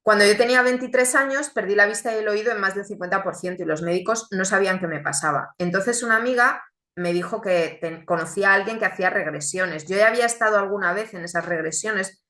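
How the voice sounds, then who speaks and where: A woman gives a faith testimony in an earnest, reflective way and often poses rhetorical questions. Her voice is bright and forceful. The room around her sounds echoey. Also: mid-range voice, fast talker. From Chile, raised in Spain. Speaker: speaker giving a faith testimony. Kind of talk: testimony talk.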